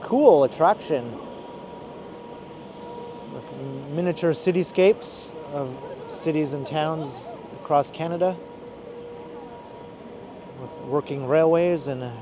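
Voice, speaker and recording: A man with a slightly high voice gives casual commentary as he leads a walking tour. He is recorded outdoors on a busy street, with clear city noise behind him. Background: city traffic and street noise.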